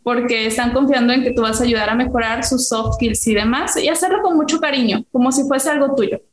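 A woman's voice: on the high side, brisk, slight background noise. Mexican lady chatting on a podcast, lots of fillers and little acted-out examples, kinda echoey room. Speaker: guest, soft-skills and marketing consultant. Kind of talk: casual podcast conversation. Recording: roomy echo.

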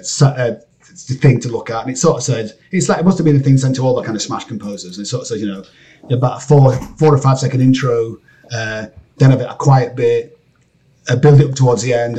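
Fast-talking Scottish man, excitable and rambling. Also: mid-range voice. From Scotland. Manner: excitable, rambling with many restarts. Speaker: interview guest, game composer. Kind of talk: casual interview chat. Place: home studio area, lives in LA.

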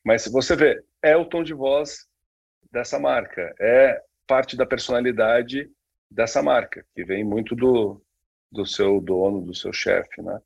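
Gravelly-voiced man chatting. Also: mid-range voice, slow pace, lo-fi sound. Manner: many fillers and restarts, agreeing often. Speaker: podcast co-host. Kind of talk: casual conversation on branding.

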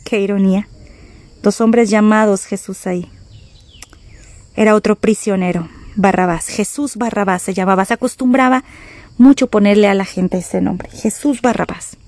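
Warm-voiced woman preaching a sermon. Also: mid-range voice, steady tone, normal speed, no room sound. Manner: dramatic emphasis with rhetorical questions to listeners.

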